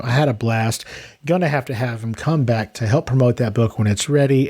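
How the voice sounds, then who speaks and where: A man's voice: mid-range voice, warm tone. A middle-aged podcast host from Texas talks in a loose, chatty way. He cuts himself off mid-thought and drops in "dude" and "man" as he goes. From San Antonio, Texas. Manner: chatty, self-interrupting, says "dude" and "man". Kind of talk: casual podcast interview and intro.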